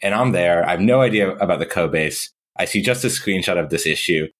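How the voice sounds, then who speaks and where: A man's voice: low voice, expressive, a little fast, fairly bright tone. A young man, a startup founder, answering interview questions in an easygoing, conversational way. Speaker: startup CEO guest. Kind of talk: casual interview.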